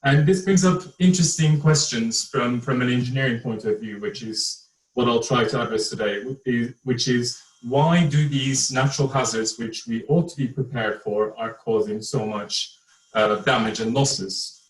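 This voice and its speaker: A man's voice: mid-range voice, moderate pace. Hesitant man on a roomy, distant call. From Turkey. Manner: hesitant, many fillers and restarts. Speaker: engineer, panel speaker. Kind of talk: online presentation. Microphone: video call.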